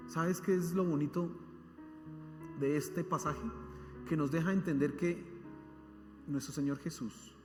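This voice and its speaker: A man with a high voice preaches a sermon, pressing his points with questions he asks his church. The sound is roomy, with a long hall reverb carrying every word. Soft music plays faintly underneath. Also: fairly even intonation, unhurried, pauses often. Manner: emphatic, asks the congregation rhetorical questions. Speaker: pastor.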